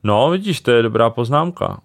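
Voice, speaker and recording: A man's voice: medium pitch, expressive, no echo, studio quality, soft background music. A young man co-hosting a casual book chat, thinking aloud with small hesitations. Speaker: podcast co-host.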